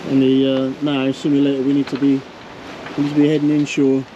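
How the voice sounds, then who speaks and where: A man vlogging from a sailing boat at sea, chatty and relaxed, with plenty of ums. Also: medium pitch, quick pace, highs cut off. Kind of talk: casual on-board narration. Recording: wind and water noise on a boat.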